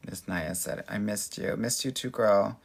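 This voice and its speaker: A low-voiced American man chats like everyone's sassy best girlfriend on a casual livestream. His delivery is effusive and girly, with plenty of gravelly fry underneath. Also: a little slow. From Los Angeles, United States. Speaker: dating coach and livestream host. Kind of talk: casual livestream chat answering viewer questions.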